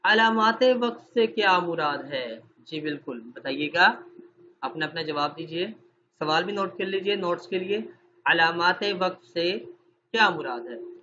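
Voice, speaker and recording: Male teacher, dry throat, high bright voice, questions the class, dull call audio, faint noise. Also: expressive. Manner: explains with examples, asks students questions. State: dry throat while fasting. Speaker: Quran recitation teacher. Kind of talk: online class lecture. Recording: dull, slightly noisy online call audio.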